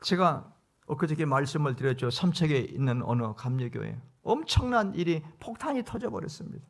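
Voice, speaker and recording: A man's voice: fairly high pitch, sing-song, a little fast, vocal fry. A middle-aged male guest pastor preaching a revival sermon in a church, emphatic, acting out little scenes of dialogue. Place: church sanctuary.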